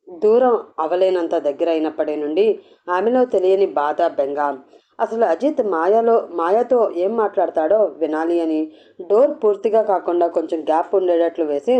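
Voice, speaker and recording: Low-voiced woman narrating an audio novel. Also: warm tone. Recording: dull lo-fi audio.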